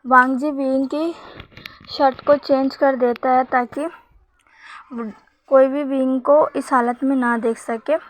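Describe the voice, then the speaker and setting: A woman retelling a fan story, reading the characters' quoted lines in a soft, gentle way. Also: sits high, steady tone, slow pace, long pauses. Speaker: fanfiction narrator. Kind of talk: storytelling narration with quoted dialogue.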